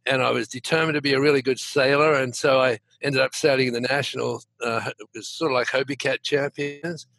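A man, a company founder answering interview questions in a relaxed, reflective way over poor audio. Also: medium pitch, brisk, vocal fry, no echo. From Australia. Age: 70s. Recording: dry, poor-quality audio.

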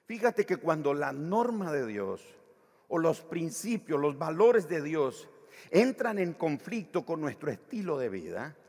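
A man preaching a sermon, his voice sitting a little high for a man. He is animated and dramatic, acting out the people in his stories. The sound carries a long hall reverb. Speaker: pastor.

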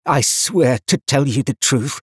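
A man's voice: mid-range voice, lively intonation, unhurried, slightly rough, dry recording, studio quality, pitched above the performer's own voice. A man voicing a young male prisoner who answers easily with bold bravado. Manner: easy, bold.

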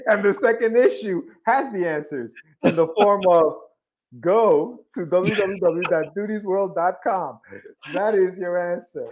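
A man's voice: high voice, unhurried, a little mellow. A man co-hosting a casual chat, joking around and repeating his lines.

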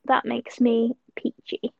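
A cheerful woman guest chats on a podcast about her small business, her voice a little high with some gravelly fry. She talks in an upbeat, rambling way and laughs often. The recording is dry and close. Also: completely flat delivery, takes it slowly, no echo, highs cut off. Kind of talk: casual interview chat.

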